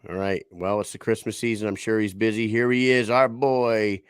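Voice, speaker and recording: A man's voice: fairly low pitch, flat delivery, normal speed, smooth, no room sound, studio quality. A man hosting a casual podcast, swearing freely and hyping things up in street slang. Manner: profane, hype-man banter with street slang. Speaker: show host.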